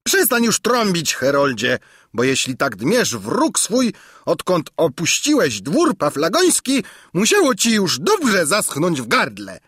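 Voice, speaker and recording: Hot-headed tyrant king, screaming commands, bright strained voice, swoops wildly. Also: sits high, wildly swooping pitch, measured pace, slightly rough, no echo, studio quality, voice pushed up, full character voice. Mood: hearty, boastful. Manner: shrieking, bellowing orders. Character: raging tyrant king, grown man, cruel and hot-tempered. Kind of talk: audiobook character voice.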